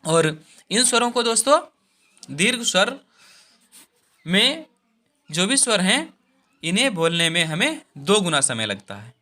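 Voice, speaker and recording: A man's voice: a little high, sharp tone. A man teaching a Hindi grammar lesson, repeating each point and drawing out the vowel sounds.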